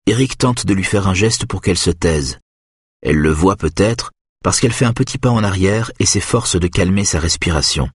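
A man narrating a suspense audiobook in a measured, tense way. His low voice is husky and breathy, and the recording is close and entirely dry, with no room sound. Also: animated, no room sound.

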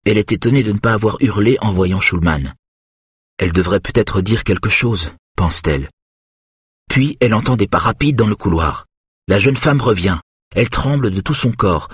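Husky-voiced male audiobook narrator. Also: lowish voice, expressive, moderate pace, no room sound, studio quality. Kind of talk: scripted narration of a thriller.

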